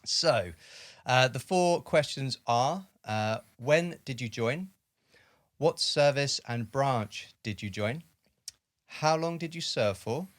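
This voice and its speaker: A man's voice: medium pitch, animated, slow pace, no room sound. A man hosting a podcast, talking in a friendly, chatty way with lots of fillers. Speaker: podcast host. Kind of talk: casual podcast chat.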